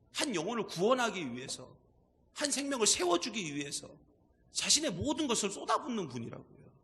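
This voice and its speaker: A male pastor preaching a sermon with emphatic delivery, dropping to quiet asides and rising to shouts. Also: sits high, long reverb tail. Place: church sanctuary.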